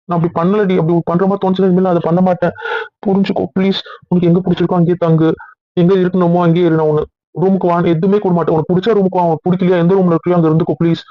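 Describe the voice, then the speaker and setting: Man voicing a pleading young husband, very fast, high flat voice; lo-fi audio drama. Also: dry recording, natural voice. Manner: rapid, pleading. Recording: dull lo-fi dry recording.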